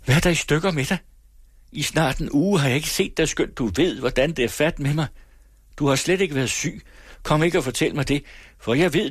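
A man's voice: husky, dry recording, clean studio sound. A man voicing a desperate young village woman who pleads and then rages at her sweetheart. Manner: pleading, then fierce and high.

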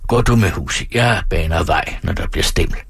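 A man voicing a hearty, blunt middle-aged man in an audiobook reading, close to his own low voice. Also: fairly bright tone, husky, dry recording, exaggerated voice. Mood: jovial. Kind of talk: audiobook character voice.

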